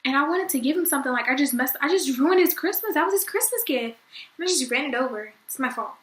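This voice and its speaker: Young female vlogger, high bright voice, chatty, loads of "like", echoey room. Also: lively intonation, quick pace. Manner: chatty, fills speech with "like". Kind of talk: casual storytelling to camera.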